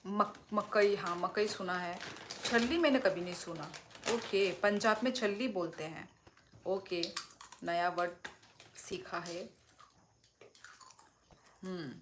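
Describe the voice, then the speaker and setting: A woman's voice: lowish voice, takes it slowly, long pauses, background noise. Chatty young woman from Tripura livestreaming. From Tripura, northeast India. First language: Kokborok. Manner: chatty and playful, talks while eating. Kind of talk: casual live chat, reading viewer comments. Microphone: phone.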